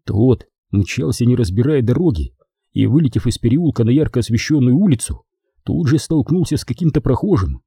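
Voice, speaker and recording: A man reads an audiobook with an expressive, dramatic delivery and a lively pitch. His voice is dark and husky, and the recording is close and dry. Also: brisk, dry recording. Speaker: audiobook narrator. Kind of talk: audiobook narration.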